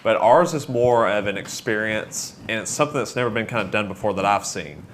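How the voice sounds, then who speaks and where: A man, a shop owner, talking about his business in a relaxed, plain-spoken way. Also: on the low side, a little fast, slight background noise. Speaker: cookie dough shop owner. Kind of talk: casual interview.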